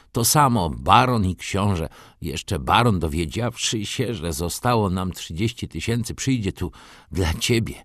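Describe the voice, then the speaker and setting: A man's voice: low-pitched, no room sound, clean studio sound. A man voicing an agitated, tearful elderly nobleman father in an audiobook reading. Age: older. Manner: emotional, exclaiming, breaking into tears.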